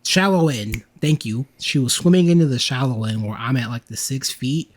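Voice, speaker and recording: A man's voice: mid-range voice, moderate pace. A man co-hosting a podcast, telling a rambling story in casual chat and acting out what people said. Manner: rambling storyteller, acts out quotes. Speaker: podcast co-host.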